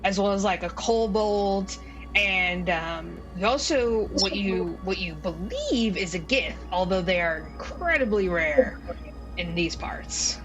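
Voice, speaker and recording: A woman narrating a tabletop game as game master in a casual, halting, conversational improvised style. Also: medium pitch, expressive, music in the background, poor audio.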